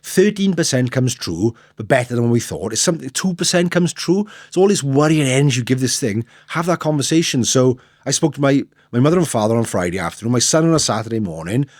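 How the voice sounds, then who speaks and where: A middle-aged man with a South Wales accent gives a candid, earnest interview. He talks quickly, repeats phrases and quotes old conversations as he goes, in a dry, close recording. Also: medium pitch, a little mellow, no room sound. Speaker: interview guest, motivational speaker. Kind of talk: candid personal storytelling in an interview.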